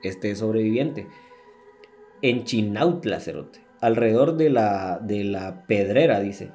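Guatemalan guy hosting a podcast, warm mellow voice, swears a lot while telling true crime, faint music behind. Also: fairly low pitch, animated, slow. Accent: Guatemalan Spanish. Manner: crude slangy retelling with swearing and laughs. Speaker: podcast host. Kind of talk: casual true-crime storytelling.

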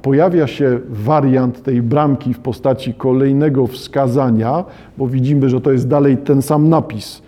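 Dark-voiced man giving a literature lecture. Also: medium pitch, steady tone, unhurried. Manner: reflective, reads quoted passages aloud; addresses listeners directly. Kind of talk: literature lecture with read-aloud passages.

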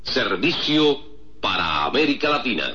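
A male station announcer giving a slow, measured station identification, heard through fading shortwave radio. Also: medium pitch, sing-song. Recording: crackly, lo-fi shortwave broadcast with clicks.

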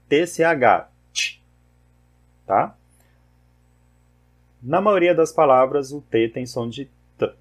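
A man teaching English pronunciation rules in a slow, methodical lesson, patiently repeating lists of words. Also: on the high side.

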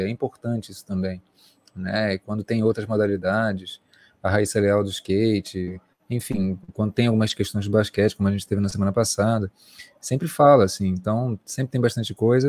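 Near the end of a sports talk show, a co-host with a low-ish, slightly mellow voice and a Brazilian Portuguese accent reflects casually. His closing chat wanders, full of filler words.

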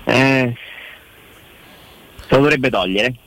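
A man's voice: medium pitch, slow pace, fairly bright tone, poor audio. A man giving casual football commentary as a co-host, opinionated and repeating words for stress.

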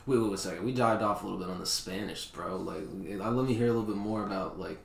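A young man co-hosting a podcast, talking in a relaxed, slangy, joking way. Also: low-pitched, quick pace, gravelly, reverberant. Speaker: podcast co-host. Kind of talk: casual chat.

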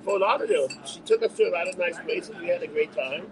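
Talking fast in a high voice, a brash New York podcast host swaps profane, rambling stories in casual bar-talk chat, his New York accent clear. The rough recording carries crowd noise.

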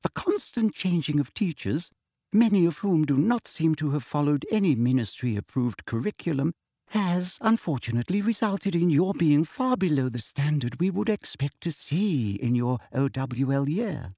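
A prim middle-aged witch teacher, put on by a male narrator, all syrup and condescension in a storybook reading. Her voice swoops wildly up and down with a breathy, husky edge. She drags out each phrase as if talking to small children, in a dry, close sound. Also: a little high, very animated, dark tone, no echo, heavily acted. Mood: sugary, patronizing. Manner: sweet, sing-song, condescending, slow drawn-out phrases. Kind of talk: audiobook character voice.

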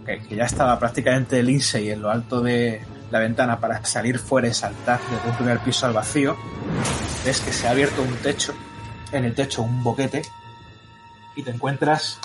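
A man narrates a horror tabletop game as game master, walking through each scene steadily with frequent hesitant fillers. His voice sits at an ordinary middle pitch. Clear music plays throughout behind him. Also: normal speed. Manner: descriptive, steady, full of fillers. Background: background music.

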